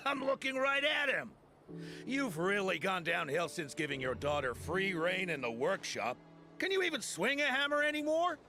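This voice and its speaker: A man's voice: high voice, sing-song, moderate pace, sharp tone, exaggerated voice. A man voicing a cranky older townsman in a video game, mocking and sarcastic as he heckles. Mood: mocking, loud. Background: music.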